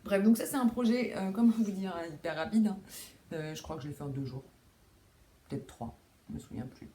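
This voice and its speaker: A woman's voice: on the low side, sing-song, a little fast, dark tone, slight background noise. Chatty woman hosting a knitting podcast. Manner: chatty, self-deprecating, many fillers and restarts. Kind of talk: casual chat. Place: home room with window.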